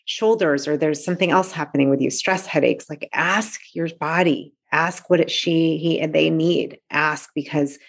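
A woman in her forties speaks with a fairly low voice. She talks earnestly and reflectively as a coach in a casual interview, sprinkling in fillers as she goes. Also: moderate pace, hardly any pauses, slightly rough. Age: 40s. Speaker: coach and author.

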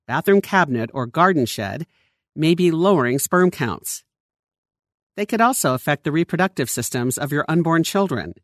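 A narrator giving an expressive scripted reading of a long-form news feature article. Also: medium pitch, no echo, studio quality.

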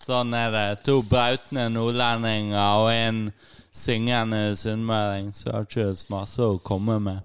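A man's voice: on the low side, flat delivery, hardly any pauses, clear, resonant tone. A man co-hosting a podcast, joking casually among friends.

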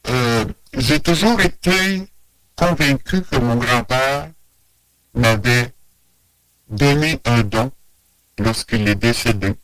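Guy with a voice changer on, distorted, talks super slow and halting, dry sound. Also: mid-range voice, fairly bright tone, no echo. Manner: hesitant, many pauses and fillers. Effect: voice changer with added distortion. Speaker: guest telling a personal story. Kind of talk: slow personal storytelling.

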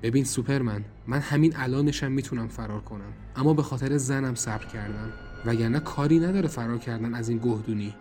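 A man's voice: mid-range voice, warm tone. A man narrating a horror audio drama in the first person and speaking his own character's lines in a tense, wary way. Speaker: narrator and writer.

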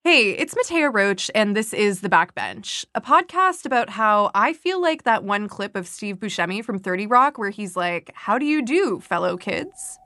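A woman's voice: mid-range voice, sing-song, moderate pace, hardly any pauses, sharp tone, no echo, clean studio sound. Wry young woman hosting a podcast. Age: 20s. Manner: wry, casual, self-deprecating. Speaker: podcast host. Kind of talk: scripted podcast narration.

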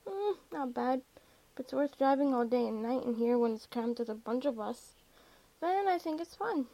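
A woman voicing a gentle young woman who speaks softly and in a hushed way. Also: sits high, animated, moderate pace, poor audio. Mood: tender. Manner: soft, hushed.

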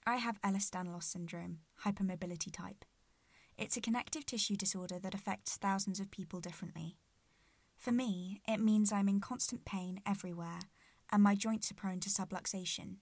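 A nineteen-year-old woman hosting a podcast with measured, articulate scripted narration, speaking through gritted teeth. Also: medium pitch, darkish tone, no room sound. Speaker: podcast host.

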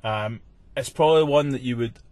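A man's voice: mid-range voice, a little fast, a little mellow, no room sound. A man hosting a podcast, reviewing beer in an informal, chatty way.

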